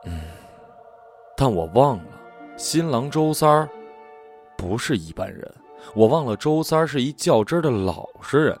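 Brief: male storyteller, wry and expressive, very animated delivery. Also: mid-range voice, normal speed, long pauses, soft background music. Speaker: narrator. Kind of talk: storytelling narration.

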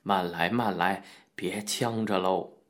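A man voicing a polite, gentle middle-aged man in an audiobook reading. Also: fairly low pitch, normal speed, pitched below the performer's own voice, natural voice. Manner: polite, gentle, soft-spoken. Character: courteous middle-aged man living in Japan, soft-spoken. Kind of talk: audiobook character voice.

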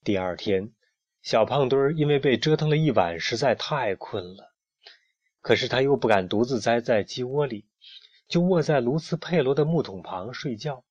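A man narrates a children's storybook with lively pacing, ready to slip into character voices. His voice sits at a middling pitch, recorded dry and slightly muffled. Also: moderate pace, breathy edge, no room sound. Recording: dull lo-fi recording.

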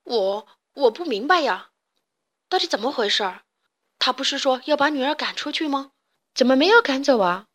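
A woman's voice: high-pitched, expressive, normal speed, fairly bright tone. A woman doing a puzzled little chick. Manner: puzzled, fretful. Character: confused, worried little chick boy.

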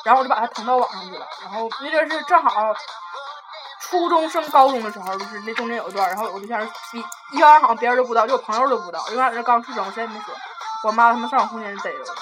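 Fast-talking high-voiced woman. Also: low-quality recording. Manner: lively storyteller, blunt and swearing. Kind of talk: casual chat. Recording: music playing under the voices.

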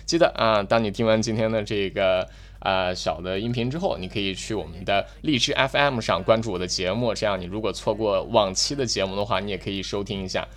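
A man hosting an audio vocabulary lesson, explaining English words in Chinese, spelling them letter by letter and repeating them slowly. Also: lowish voice. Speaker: English teacher and podcast host.

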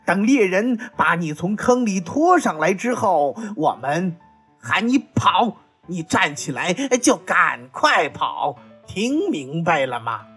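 Loud, rough storybook crow, mocking, breathy edge, put on by a woman. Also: lowish voice, very animated, slow, soft background music, heavily acted. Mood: gruff scolding. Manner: gruff, loud, scolding.

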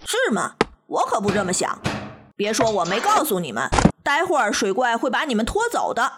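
A woman's voice: high-pitched, big pitch swings, normal speed. Woman doing a smug scheming otter. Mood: sly. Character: sly, grumpy male otter angler. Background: music.

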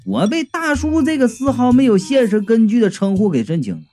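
Animated high-voiced male storyteller. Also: fairly quick, faint music behind. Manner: animated, exclamatory, comic. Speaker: narrator. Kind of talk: humorous storytelling audiobook.

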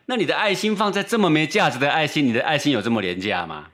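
Fast-talking man lecturing emphatically. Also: a little high, expressive, fairly bright tone. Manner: rhetorical, keeps asking "right?", emphatic. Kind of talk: lecture on Confucian ethics in dialogue.

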